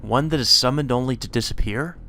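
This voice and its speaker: Over game music, a man reads aloud the dialogue and narration of a visual novel for a let's play. He speaks a little fast, with a medium-pitched voice and a sharp tone.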